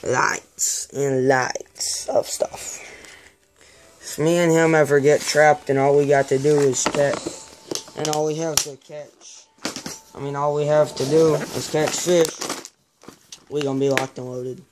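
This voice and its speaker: A man, slowly listing the gear in his tackle box in a low-key late-night chat at home. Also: little pitch movement. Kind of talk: casual late-night show-and-tell. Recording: noisy home phone video.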